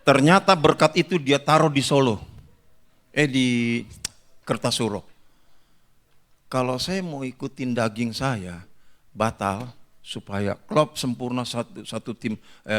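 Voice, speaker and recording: A man's voice: mid-range voice, fairly bright tone. A man preaching a sermon as a pastor, telling a funny story to his congregation with laughter. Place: church hall.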